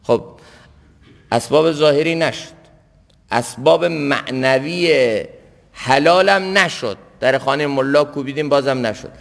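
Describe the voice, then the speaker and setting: A man preaching a sermon, emphatic, rising to raised exhortation and dropping to low murmurs. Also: gravelly. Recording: reverberant hall.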